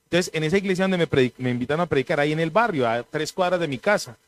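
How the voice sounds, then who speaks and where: A man preaching a sermon, telling stories animatedly and clearing his throat now and then. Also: a little high, very fast. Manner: animated storytelling, mimics voices in anecdotes.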